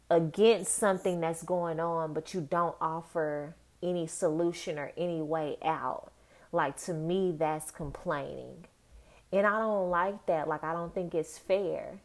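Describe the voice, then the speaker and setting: A woman with a fairly low voice speaks straight to the camera in a casual vlog. She teaches dance and works through her frustrations out loud. She uses "like" constantly and asks one rhetorical question after another. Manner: reflective, peppered with "like" and rhetorical questions.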